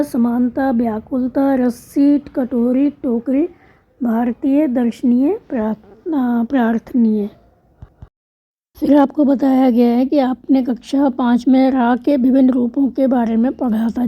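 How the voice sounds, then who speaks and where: A woman teacher patiently explaining a language exercise step by step, spelling out letters and word parts one at a time. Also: high voice. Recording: dull lo-fi sound.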